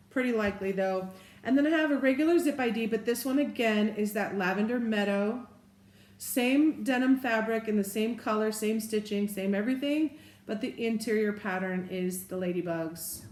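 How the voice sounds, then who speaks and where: A woman's voice: mid-range voice, a little mellow, echoey room. A woman chatting casually as she shows items one by one and describes them step by step. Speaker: vlogger. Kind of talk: casual bag show-and-tell.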